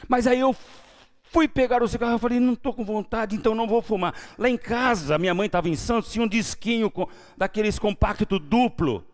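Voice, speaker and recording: A man preaching a sermon as pastor, with a Brazilian Portuguese accent, telling his testimony and swinging between hushed, quiet lines and loud, lively ones. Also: sits high, a little fast. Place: church.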